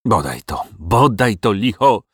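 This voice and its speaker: A man's voice: on the low side, sing-song, a little slow, fairly bright tone, slightly rough, no echo, clean studio sound, full character voice. A man voicing a cunning, cowardly male dragon who haggles to save his life in a storybook reading. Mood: whining. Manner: wheedling, bargaining.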